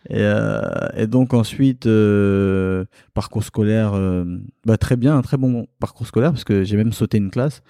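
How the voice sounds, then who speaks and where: A man from Cameroon with a low, mellow voice speaks as an interview guest in his own living room. He talks candidly and reflectively and laughs easily. The sound is dry and close. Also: measured pace, hardly any pauses, clear, resonant tone, dry recording. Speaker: podcast guest, kickboxing champion. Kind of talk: relaxed interview talk.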